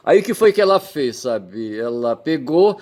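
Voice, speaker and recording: A man's voice: fairly high pitch, big pitch swings, a little slow, darkish tone. A middle-aged man telling a story in a rambling, casual way, tagging his sentences with checks for agreement. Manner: rambling, constant "right?" tags and filler. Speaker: vlogger.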